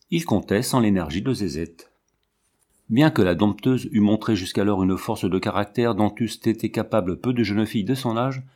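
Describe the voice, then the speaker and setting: A man reading a novel aloud as scripted narration, measured and expressive. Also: medium pitch. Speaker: audiobook reader.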